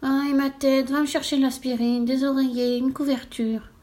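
A woman's voice: sits high, little pitch movement, normal speed, warm tone, voice pushed up, lightly acted. Woman doing nasal sick man, whiny, moaning, bossy, storybook character, pinched raised voice. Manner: moaning, demanding. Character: sick whiny thin man with a huge nose.

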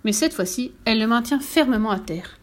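A woman's voice: on the high side, lively intonation, fairly quick. Woman reading a children's story. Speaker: narrator. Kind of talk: storybook narration.

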